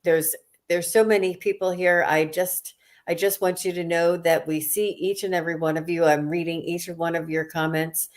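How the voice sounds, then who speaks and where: A woman's voice: on the low side, steady tone, moderate pace. A woman co-hosting a live spiritual show, talking to her audience in an earnest, affirming, healer-like manner. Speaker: co-host of a live psychic reading show. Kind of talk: live stream talk, reassuring the audience.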